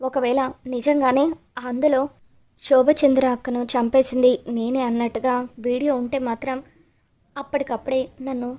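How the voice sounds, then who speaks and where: Sneaky wife begging with fake tears, woman reading her, high voice. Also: level tone, normal speed, warm tone, lightly acted. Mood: pleading. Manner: pleading, fake tearful. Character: scheming woman pretending to weep.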